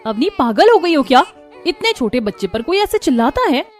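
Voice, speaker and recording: एक महिला के अभिनय में ममता भरी कार्टून बहू, ऊँची पर नरम आवाज़ में सलाह देती हुई। पीछे धीमा संगीत सुनाई देता है।. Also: female voice, fairly high pitch, a little fast, close to an everyday voice. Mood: scolding. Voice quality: gentle, earnest. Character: kind caring young wife and mother. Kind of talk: Hindi cartoon voice acting. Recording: light music behind voice.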